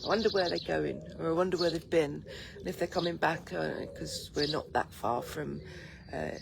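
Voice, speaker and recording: A sleepy Englishwoman with a Lincolnshire accent chats to her livestream viewers from the garden first thing in the morning. Her voice is deep and croaky from waking, at normal speed, and she rambles easily with many ums. Her phone camera picks up background noise, loud birdsong and a light breeze.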